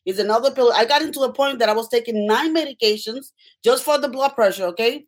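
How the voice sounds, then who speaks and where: Speaking quickly and fairly high, this interview guest, a middle-aged healthcare worker from Puerto Rico with Spanish as her native tongue, recounts personal experiences in a Puerto Rican accent, checking in with "okay?" often.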